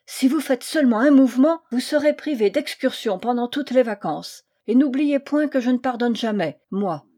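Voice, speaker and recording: A woman's voice: fairly high pitch, expressive, measured pace, a little mellow, husky. Woman reading as a flustered stern priest. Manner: commanding, agitated. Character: flustered male priest, stern with his pupils.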